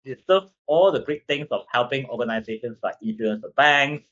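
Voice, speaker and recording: A man with a Cantonese accent, a native Cantonese speaker, giving a slide presentation in halting English and often tagging sentences with a questioning check. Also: medium pitch, animated, a bit bright, dull audio. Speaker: company presenter.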